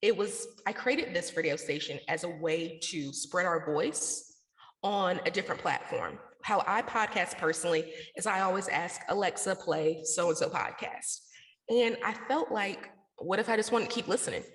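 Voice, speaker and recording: In an echoey room with long reverb, a podcaster and radio station founder talks through interview questions conversationally and candidly, saying "like" a lot. Her voice is lowish and her pace moderate.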